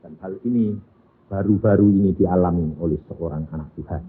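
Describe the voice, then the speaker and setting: An older man preaching a sermon, firing rhetorical questions at the congregation and dropping from loud to hushed. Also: sits low, fairly quick, breathy edge. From Central Java, Indonesia. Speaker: evangelist preacher. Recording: tinny, phone-like lo-fi sound.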